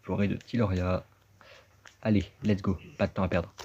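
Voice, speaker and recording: A man's voice: low-pitched, little pitch movement, normal speed, warm tone, slight background noise. A man giving casual, chatty gameplay commentary, thinking aloud as he plays. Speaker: let's play gamer. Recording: dull lo-fi sound with game music.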